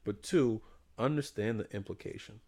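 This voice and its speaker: A man's voice: lowish voice, moderate pace, dark tone. A young adult man co-hosting a podcast, giving blunt, profane, joking opinions in casual chat. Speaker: podcast co-host.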